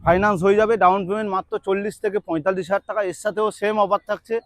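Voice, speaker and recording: Fast, high-pitched hard-sell bike dealer, male. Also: little pitch movement, dry recording, clean studio sound. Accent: West Bengal. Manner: hard-sell, insistent, repeating prices and offers. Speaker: used motorbike dealer pitching deals. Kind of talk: hard-sell sales pitch in a showroom video.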